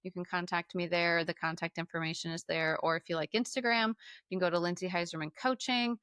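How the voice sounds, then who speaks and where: A woman's voice: fairly low pitch, steady tone, a little fast, a bit bright, clean tone, dry recording, studio quality. A woman in her forties, a life coach, talking on a podcast in an enthusiastic, affirming way. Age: 40s. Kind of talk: casual conversation.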